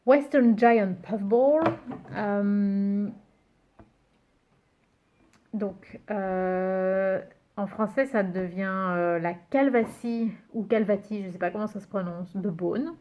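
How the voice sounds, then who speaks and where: A woman presenting a card game in a casual video, cheerful and amused, pausing often with fillers and reading titles slowly. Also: mid-range voice, mellow. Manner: hesitant, many fillers, muses aloud over names; reads English card titles slowly and carefully. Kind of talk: casual show-and-tell presentation.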